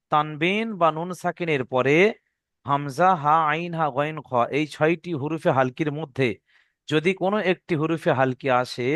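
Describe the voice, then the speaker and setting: A male teacher with a slightly high voice, patiently walking through a reading lesson and repeating the rules. He draws out letter names in a sing-song way. The sound is close and dry, with no room echo. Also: a bit bright. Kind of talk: classroom lesson recitation.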